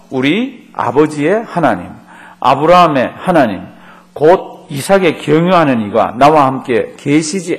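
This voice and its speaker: A male pastor giving a Bible study lecture in a church class, acting out quotes and quizzing his students. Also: on the high side. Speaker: pastor teaching a Bible course.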